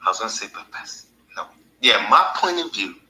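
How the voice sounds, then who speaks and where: A man's voice: lowish voice, sing-song, fairly quick, sharp tone, a little hiss or hum. A man hosting his own podcast in a casual, rambling monologue, laughing at his own stories. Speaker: podcast host. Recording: echoey room.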